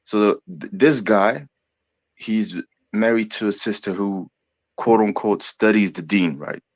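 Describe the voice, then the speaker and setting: A very low-voiced man in his thirties, raised in France and not a native English speaker, talks in an unhurried, halting way, pausing for words and filling gaps with ums. He sounds a little sick. The sound is close and dry, slightly dull and lo-fi. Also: no room sound. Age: 30s. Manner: searching for words, hesitant with fillers. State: sick, coughing. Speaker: podcast guest. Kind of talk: casual chat.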